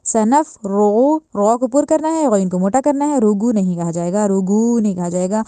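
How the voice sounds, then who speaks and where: A woman with a Pakistani Urdu accent teaching recitation, correcting pronunciation word by word and drawing out each word slowly. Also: mid-range voice, warm tone, no echo. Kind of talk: tajweed lesson, word-by-word correction.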